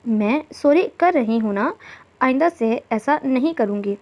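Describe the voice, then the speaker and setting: A woman's voice: a little high, animated, measured pace. A woman voicing a coy, playful young wife in a storybook reading. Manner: teasing, coy. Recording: dull lo-fi recording.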